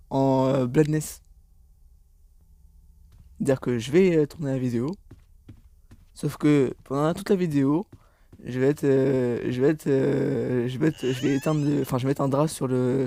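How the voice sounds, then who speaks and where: A man's voice: medium pitch, vocal fry, warm tone. A tired young man commentating his gameplay casually, rambling, stammering and swearing as he plays. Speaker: gaming YouTuber.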